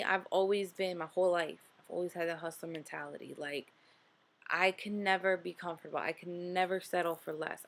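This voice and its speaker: A woman's voice: fairly low pitch, a bit bright. A woman in her late twenties with a New Jersey accent, talking earnestly to camera in a casual motivational vlog, full of fillers and "okay?" check-ins. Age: 20s. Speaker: vlogger host.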